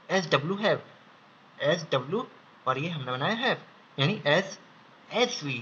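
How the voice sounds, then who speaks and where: A young man teaching a shorthand lesson, repeating every word patiently. His voice is high and bright, and the pace stays slow. The audio is a little dull, with a faint hiss behind it. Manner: slow, repeats each word several times while drawing outlines. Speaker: shorthand instructor. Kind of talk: step-by-step lesson.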